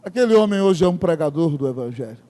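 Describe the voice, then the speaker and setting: Man, pastor, emphatic sermon, very high voice, long church reverb. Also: fairly quick, a little mellow. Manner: emphatic storytelling, often addressing the congregation directly. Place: church sanctuary.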